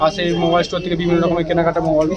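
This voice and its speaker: Male customer, extremely fast, even intonation, unpolished testimonial, loud street racket. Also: fairly high pitch, a loud crowd. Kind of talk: informal on-the-spot testimonial. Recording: very noisy street, horns and vehicles.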